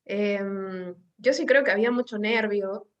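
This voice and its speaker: A woman's voice: mid-range voice, unhurried, highs cut off. A woman hosting a conversational interview, talking in an engaged, thoughtful way with some fillers. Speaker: interview host.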